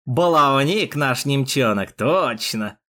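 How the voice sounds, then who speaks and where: A man's voice: medium pitch, animated, slow pace. A man voicing a mocking, crude male police thug with a jeering manner in an audiobook. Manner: jeering, sneering, loud.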